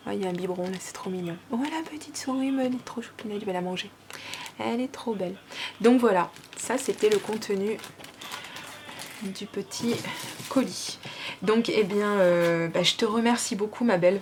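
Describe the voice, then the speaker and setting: A woman's voice: mid-range voice, darkish tone. French woman vlogger, gushing unboxing chat, lots of fillers, faint hiss behind. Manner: gushing, chatty, many fillers.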